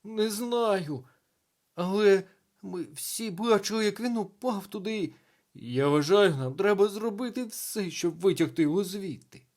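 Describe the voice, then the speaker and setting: A man's voice: high-pitched, animated, unhurried, a little mellow, voice pushed up. A man voicing a flustered middle-aged male schoolteacher who wails in panic. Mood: panicked. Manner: panicky, wailing.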